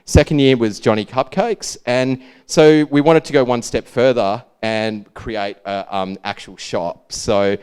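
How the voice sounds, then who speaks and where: Man, Australian accent, medium-pitched, smooth clear voice, laid-back drawl, informal rambling presentation. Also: a little slow, few pauses, darkish tone. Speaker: speaker presenting own brand work. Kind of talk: informal conference talk.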